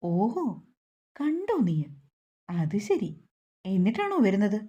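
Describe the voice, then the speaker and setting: A woman's voice: medium pitch, very animated, slow pace, dark tone, highs cut off. A woman voicing a scheming middle-aged lodge keeper who talks in a slurred, scornful, mocking way.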